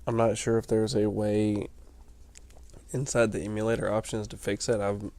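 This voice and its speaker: A tired man with a lowish, mellow voice rambles through casual let's play commentary late at night, explaining things as he plays. His delivery is flat and his pace normal.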